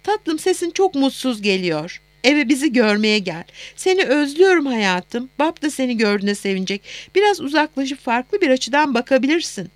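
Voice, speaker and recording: Woman doing a gentle, soothing mother, raised and fairly high voice, dry close sound. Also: sing-song, normal speed, few pauses, dry recording. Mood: fond worry. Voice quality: soft, soothing. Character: warm doting middle-aged mother on the phone. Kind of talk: audiobook character voice.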